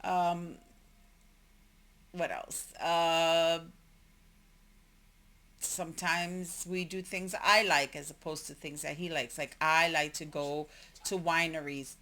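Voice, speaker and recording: A woman's voice: deep voice, level tone, takes it slowly, pauses often, bright, forceful tone. A woman in her forties co-hosting a couple's podcast, rambling chattily and laughing often. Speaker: podcast co-host. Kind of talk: casual couple chat.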